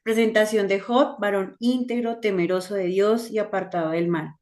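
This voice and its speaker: A woman reading a lesson outline aloud in a Bible class, measured and even. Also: mid-range voice.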